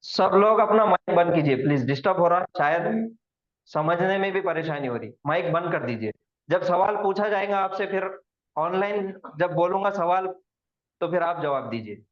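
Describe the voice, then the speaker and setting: High-voiced man teaching recitation online. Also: animated. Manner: slow, repeats words for students to echo and quizzes them. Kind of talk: online Quranic Arabic recitation lesson. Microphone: video call. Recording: dull lo-fi online class audio.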